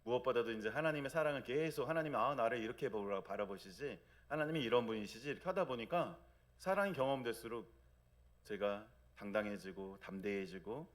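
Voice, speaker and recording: Brief: thirties male pastor, chatty Sunday sermon, checks in with the congregation, drops soft and low for God's lines. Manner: conversational, asks the congregation for agreement; acts out God's gentle speech in a soft low voice. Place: church sanctuary.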